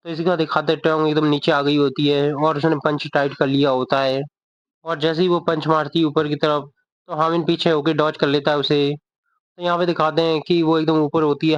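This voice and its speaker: A man's voice: a little high, no echo. Man recapping a manga, dry lo-fi. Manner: conversational, repetitive scene-by-scene recapping. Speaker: manga explainer. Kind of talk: casual story recap narration. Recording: dull lo-fi dry voice.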